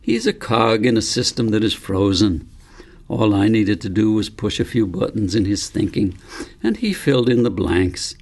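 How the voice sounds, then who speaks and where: In a lowish voice, a man reads as a storybook's grandfather, firm and wise. His explanations come calmly and patiently, measured and philosophical.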